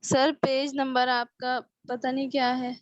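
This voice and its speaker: A woman student on an online class with a fairly high voice. Her line is muffled and dry, like cheap call audio. She asks her question hesitantly and drops English words into it. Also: completely flat delivery, no echo.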